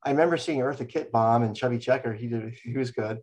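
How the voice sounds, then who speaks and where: A man's voice: mid-range voice, quick pace, a little mellow. An older man recalls his memories in an oral history interview. He rambles from one anecdote to the next and often restarts his sentences. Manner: rambling storyteller, frequent restarts.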